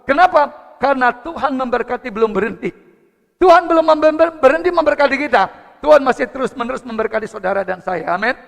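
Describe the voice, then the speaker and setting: A man's voice: extremely high pitch, lively intonation, fast talker, gravelly. A man preaching a sermon, moving a prayer into teaching. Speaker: pastor. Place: church service hall. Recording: church hall reverb with faint music.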